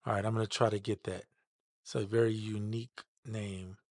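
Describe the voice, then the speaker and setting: Male streamer, casual and easygoing, talking through a mix on a dry close mic with a lowish voice. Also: level tone, a little fast, darkish tone, no room sound. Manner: easygoing, chatty, stumbles over names and repeats them. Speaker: music producer hosting a live stream. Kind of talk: casual chat while demonstrating a mix.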